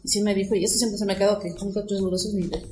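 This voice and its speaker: A woman's voice: mid-range voice, little pitch movement, very fast, warm tone, soft background music. A middle-aged woman, telling a personal story in an emotional, rambling way with many fillers. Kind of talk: casual storytelling. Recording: echoey room.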